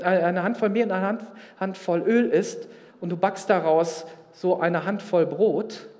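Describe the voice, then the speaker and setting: A man's voice: high voice, a little mellow, big-room sound. A man preaching a sermon, earnestly addressing the congregation directly and reading scripture aloud in a church. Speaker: pastor.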